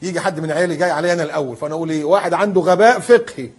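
A man preaching in a colloquial style with an Egyptian accent. He is animated and emphatic, and he acts out the people he quotes. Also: on the high side, rapid-fire, husky. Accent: Egyptian Arabic. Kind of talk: colloquial sermon.

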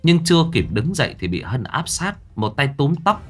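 A man's voice: medium pitch, sing-song, moderate pace, slightly rough. A man narrating a ghost story audiobook in a dramatic way.

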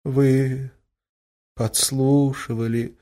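A scheming middle-aged lady coaxes and reproaches in a soft, honeyed voice, as a male narrator puts her on. Her pitch sits well above his own while her volume stays gentle. The sweetness covers a clear calculation. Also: lively intonation, measured pace.

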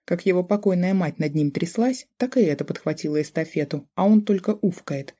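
Mellow steady audiobook narrator. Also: mid-range voice, a little fast. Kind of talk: scripted first-person novel narration.

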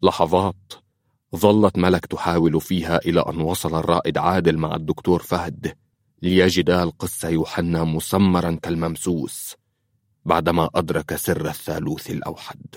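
Deep-voiced male audiobook narrator. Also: flat delivery, fairly quick, no echo, studio quality.

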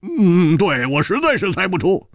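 A male storyteller voicing a boisterous, loud swordsman who shouts and laughs in high excited outbursts. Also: moderate pace, no room sound, clean studio sound, full character voice.

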